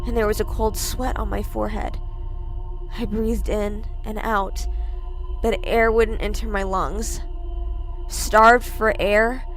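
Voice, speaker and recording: A woman narrating a first-person horror story in a hushed, dread-filled way. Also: mid-range voice, poor audio. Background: background music.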